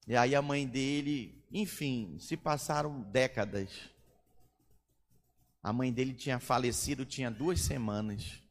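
A man with a Brazilian Portuguese accent preaches a sermon, his voice sitting a little high for a man. He tells his story with animated delivery and acts out the characters' lines. The sound carries the long reverb of a church hall. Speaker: pastor.

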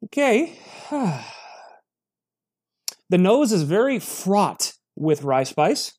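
A man's voice: high-pitched, sing-song, extremely slow, a little mellow, slightly rough. A man giving a casual, rambling spoken review, chatty and full of restarts. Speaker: bourbon reviewer.

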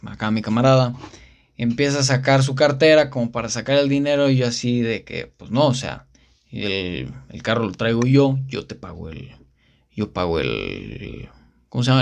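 A man with a Mexican accent tells a story on his podcast in a loose, slangy way. He rambles and keeps chaining one event onto the next with the same linking words. His pitch sits in an ordinary middle range. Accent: Mexican Spanish. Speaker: podcast host. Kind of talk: casual storytelling.

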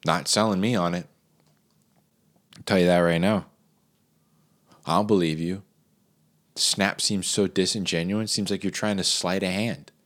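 A man's voice: low voice, fairly even intonation, a little slow, pauses often, fairly bright tone. A man ranting comically about an advertisement, incredulous and riffing with lots of fillers. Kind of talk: comedic rant.

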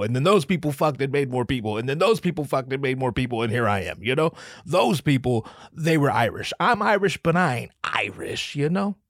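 A fairly high-pitched man from the Pacific Northwest runs his own comedy podcast alone, cursing and wandering off track with constant restarts. The sound is studio quality, without echo.

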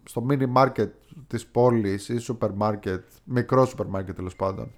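A man co-hosting a podcast in casual chat, telling stories in a rambling way with many fillers. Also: on the low side. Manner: rambling, filler-heavy storytelling. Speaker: podcast co-host.

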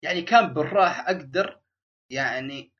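A man talks in casual chat at a quick clip, his voice sitting a little high. He rambles and restarts his sentences often. The recording sounds dull and lo-fi. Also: heavy background noise.

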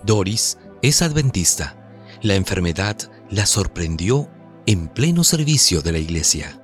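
A man reading scripted documentary narration in a measured, solemn way. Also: low-pitched, very animated, soft background music.

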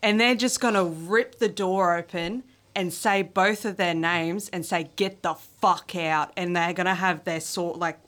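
A woman's voice: lowish voice, unhurried, few pauses, a bit bright. A woman playing a tabletop game, describing her character's actions bluntly and with a lot of swearing. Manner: blunt and profane. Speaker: player.

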